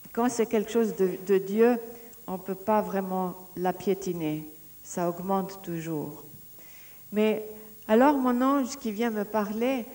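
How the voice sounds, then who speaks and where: Woman, mellow voice, personal testimony, lively storytelling, hesitant restarts, middle pitch. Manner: lively storytelling, acting out the dialogue she recounts; hesitant restarts while searching for words. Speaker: speaker giving a personal testimony.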